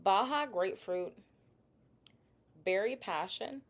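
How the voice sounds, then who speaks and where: A woman runs a casual live sales stream for bath products, speaking slowly in a mid-range voice with a little background noise behind her. She chats with viewers directly and tests them with questions about her merchandise.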